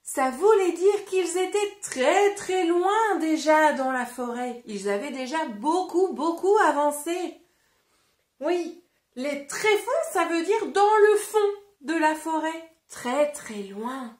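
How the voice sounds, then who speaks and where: A woman teacher with a French accent, speaking slowly and clearly as she guides children through a story and word games. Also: high voice, lively intonation, darkish tone, reverberant. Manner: encouraging, addresses child directly; slow, clearly articulated. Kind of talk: interactive read-aloud lesson for children.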